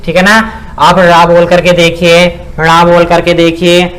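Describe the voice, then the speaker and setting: High-voiced man teaching pronunciation. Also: completely flat delivery, a bit bright. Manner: repeats "ठीक है ना" and sounds out syllables slowly. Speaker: Sanskrit grammar teacher. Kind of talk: spoken lesson explaining pronunciation.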